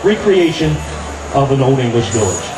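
A man's voice: medium pitch, very animated, moderate pace, distant mic. A middle-aged man doing live stage comedy as an exasperated straight man on an outdoor stage microphone. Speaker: comedy ventriloquist. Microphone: stand microphone. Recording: echoey live stage PA, loud crowd, music.

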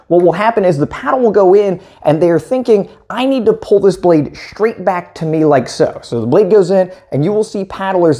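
A man's voice: fairly high pitch, warm tone. A man in his thirties, a paddling coach, explaining stroke technique methodically while he demonstrates in a small indoor room. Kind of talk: instructional demonstration.

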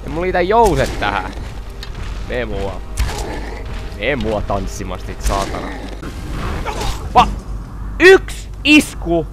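A man giving excitable let's-play commentary, swearing constantly and yelling at the game. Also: lowish voice, long pauses, over music. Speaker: gaming video host.

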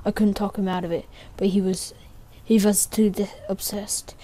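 A woman reading a frightened survivor's note aloud in a low, quick, somber voice. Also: little pitch movement, dark tone, slight background noise, lightly acted.

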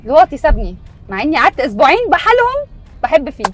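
Brief: Egyptian woman, prank driver, rapid-fire provocative banter, slightly high voice. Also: sing-song. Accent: Egyptian Arabic. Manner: teasing, provocative, flirty. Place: inside a car.

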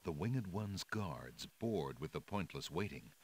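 A man giving scripted, measured storybook-style narration for a video game. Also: deep voice, expressive.

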